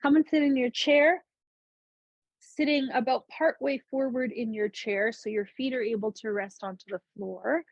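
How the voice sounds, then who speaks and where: Calm woman guiding chair yoga. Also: on the high side, moderate pace, no echo, muffled recording. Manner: calm, gentle guiding cues. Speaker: yoga instructor. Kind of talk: guided chair yoga instruction.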